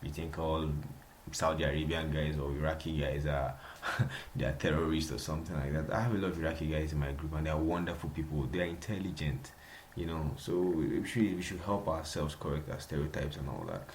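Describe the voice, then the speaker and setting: A man's voice: very deep voice, fairly quick, slight background noise. A young Nigerian man with a Nigerian accent, hosting a casual solo podcast, chatty and repeating himself, laughing often. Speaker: podcast host.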